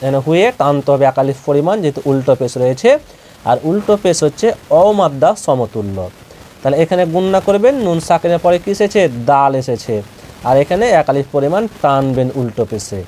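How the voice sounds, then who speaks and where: A man's voice: fairly high pitch, expressive, brisk, mellow, slight background noise. A man teaching Quran letter reading in a patient recitation lesson, asking questions and answering them himself, with a Bangladeshi Bengali accent. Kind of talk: slow spelled-out recitation lesson.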